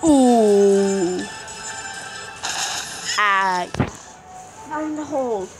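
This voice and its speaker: A female gamer commentates casually over game music, talking at a slow pace. The delivery is excitable, slipping between exclamations and muttering, and R sounds come out imperfectly. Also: mid-range voice, rough recording. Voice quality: difficulty saying R sounds. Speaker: gaming video maker.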